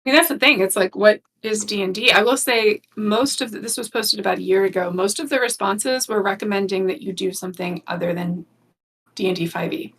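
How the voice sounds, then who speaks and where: A woman co-hosting a relaxed game-talk stream in a chatty, easygoing way. She often laughs mid-sentence while reading posts aloud. Her voice sits at an ordinary pitch and is picked up from a distance. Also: fairly quick. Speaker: podcast co-host. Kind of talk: casual discussion stream.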